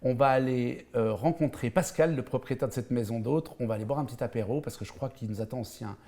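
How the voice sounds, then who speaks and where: A man's voice: medium pitch, fast. A male TV host doing an enthusiastic, playful interview, joking with his guests. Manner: lively, jokey, playful. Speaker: TV show host. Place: outdoors at a country guesthouse.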